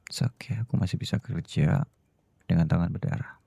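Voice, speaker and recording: A man playing a strict boss and loving husband in a whispered role-play, with a very low, gravelly voice. His tone is dark and husky, close and dry with no room sound. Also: normal speed, no echo, heavily acted. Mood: gentle pleading. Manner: cold and scolding, then soft and pleading. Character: stern boss who is a doting husband. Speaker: voice actor.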